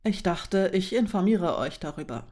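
A woman voicing a cheerful, talkative female housemate with a somewhat angular voice, read softly in a German audiobook. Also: lowish voice, expressive, moderate pace. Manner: talkative, direct.

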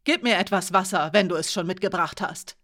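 A woman voicing a young female soldier held captive, speaking in a sharp, accusing, bitter way. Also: on the low side, a little fast, natural voice. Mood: angry.

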